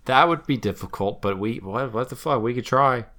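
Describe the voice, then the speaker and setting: A man co-hosting a casual podcast chat, animated, swearing casually and musing at length. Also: medium pitch, normal speed. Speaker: podcast co-host.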